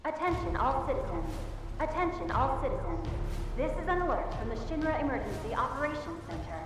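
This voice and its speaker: Game role: formal woman on emergency public address, highish voice, long loudspeaker reverb. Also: very animated. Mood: official alert. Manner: formal, measured official announcing. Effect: public-address echo. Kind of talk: video game voice acting. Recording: distant echoing loudspeaker, music underneath.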